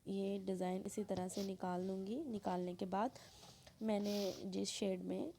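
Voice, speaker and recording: Woman with a sore, gravelly throat. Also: medium pitch, level tone, measured pace, warm tone, a little hiss or hum. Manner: plain instructional, frequent throat clearing. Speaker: sewing instructor. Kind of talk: step-by-step tutorial voice-over.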